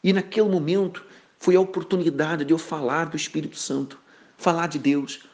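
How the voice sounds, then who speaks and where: A man's voice: a little high, fairly even intonation, fairly quick, a little mellow. A man, a pastor, telling a personal testimony in a sermon, earnest and conversational, often tagging his sentences with a questioning aside. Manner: earnest storytelling with frequent "né?" asides.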